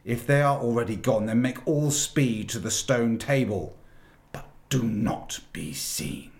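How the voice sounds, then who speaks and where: A man's voice: medium pitch, a little slow, creaky. A man reading aloud and voicing an imperious, cruel witch queen with clipped commands. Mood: commanding.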